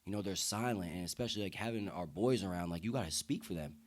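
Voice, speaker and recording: A young man from the United States with a deep voice guests on a podcast, talking fast in an earnest, emphatic, slang-heavy, casual way.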